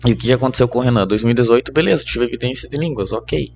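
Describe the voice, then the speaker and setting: Fast-talking young Brazilian man telling a story. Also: medium pitch, creaky, muffled recording, soft background music. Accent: Brazilian Portuguese. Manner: animated, laughs mid-story, many fillers. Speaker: podcast guest. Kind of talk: casual storytelling chat.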